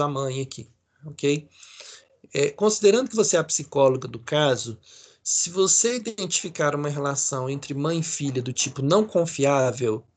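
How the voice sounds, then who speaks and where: Chatty Brazilian male teacher, higher voice. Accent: Brazilian Portuguese. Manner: casual, many fillers, checks in with students. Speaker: psychology lecturer. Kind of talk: online class reading a case aloud.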